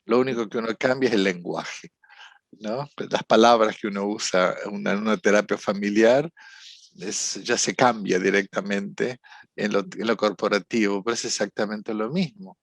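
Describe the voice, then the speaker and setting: In a dry recording, a middle-aged interview guest talks at a moderate pace in a lowish voice with fairly even intonation. His reflective, conversational answers wander thoughtfully, and he keeps tacking on "¿no?" at the ends of phrases.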